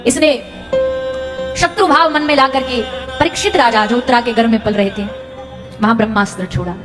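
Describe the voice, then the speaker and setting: A katha storyteller from India, a woman with a fairly high voice, delivers a devotional sermon briskly and dramatically, singing verses in Sanskrit. Recorded at a live religious gathering in a large hall, the audio carries long reverb and music.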